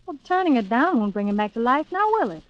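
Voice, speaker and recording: An actress playing a hard-bitten young singer with clipped, wry comebacks in an old-time radio drama. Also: female voice, on the high side, big pitch swings, fast talker. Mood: guarded. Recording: muffled vintage radio recording.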